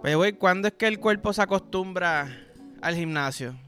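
A man's voice: sits high, moderate pace, bright, forceful tone, soft background music. A young Puerto Rican man hosting a podcast, rambling through vulgar comic stories with sound effects and frequent swearing. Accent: Puerto Rican Spanish. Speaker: podcast host. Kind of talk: crude comedic monologue.

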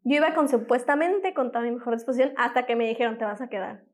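A woman's voice: on the high side, quick pace. A young woman, an interview guest telling a personal testimony, acting out the quoted exchanges as she speaks.

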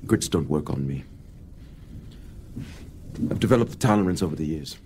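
An actor playing a furious, confrontational grown man in a TV drama scene, shouting accusations. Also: rumbling low, expressive, normal speed, a little hiss or hum. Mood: defiant.

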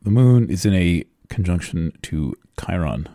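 Slow, deep-voiced man rambling on astrology. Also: sing-song, dark tone, no echo, studio quality. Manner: rambling, unhurried, with many fillers and pauses. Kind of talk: unscripted monologue on astrology. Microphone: studio microphone.

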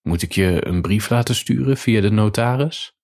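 A man voicing a terminally ill man who speaks in a quiet, resigned way. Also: lowish voice, normal speed, voice pushed up, close to an everyday voice. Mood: subdued.

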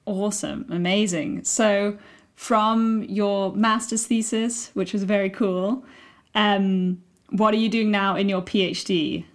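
A woman's voice: mid-range voice, steady tone, slow. A young woman co-hosting a podcast, friendly and enthusiastic as she introduces a guest. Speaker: podcast co-host. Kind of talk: casual podcast chat.

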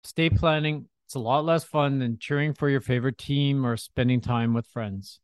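A man's voice: medium pitch, steady tone, moderate pace, clean tone, no room sound, clean studio sound. A man working as a financial advisor, delivering scripted advice as a podcast co-host.

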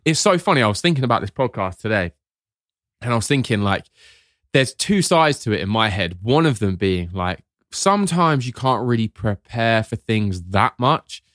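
A man's voice: on the low side, animated, moderate pace, fairly bright tone, no room sound. Easygoing man saying mate, dry sound. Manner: easygoing, says "mate" often. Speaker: podcast co-host. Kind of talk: casual chat.

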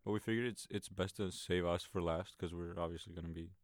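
A man's voice: sits low, fairly even intonation, fast talker, heavy background noise. A young man from Bosnia, co-hosting a casual student podcast in a joking, laid-back way. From Sarajevo, Bosnia and Herzegovina. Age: young adult. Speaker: podcast co-host.

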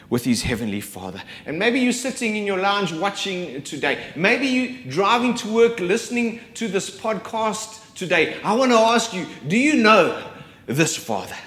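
A man preaching a sermon, his delivery rising and falling with dramatic pauses. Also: high voice, a bit bright, roomy sound. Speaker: pastor.

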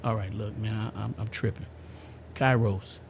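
A man in his fifties hosts a podcast, offering a casual personal testimony in an emphatic, slangy style and repeating himself often. His voice is fairly low and gravelly, with fairly even intonation and a moderate pace. There's a little hiss or hum in the recording.

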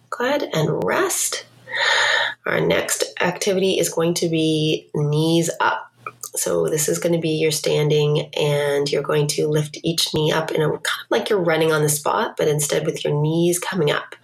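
A woman's voice: low-pitched, gravelly, low-quality recording. A woman leading an exercise class as a fitness instructor, giving cues and countdowns in an encouraging way. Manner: encouraging, coaching.

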